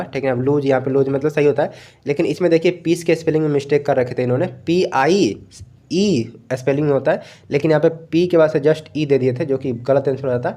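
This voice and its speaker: A young man, casually going over exam questions as a coaching teacher and often repeating a filler phrase. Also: fairly high pitch. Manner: relaxed, repeats "thik hai" often, mixes in English words. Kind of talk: casual explanatory lecture.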